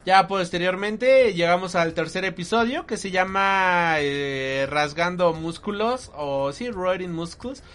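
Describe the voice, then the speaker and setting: High-voiced man chatting emotionally. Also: unhurried, few pauses. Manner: animated, emotional, filler-heavy. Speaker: anime reviewer co-host. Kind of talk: casual chat.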